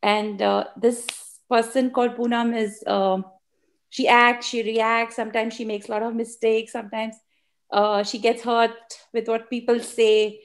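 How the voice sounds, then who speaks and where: A woman shares a personal reflection with her teacher in a fairly high, flat voice. She speaks earnestly but hesitantly, stopping often to search for her words. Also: measured pace. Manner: hesitant, earnest, with many fillers. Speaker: participant sharing.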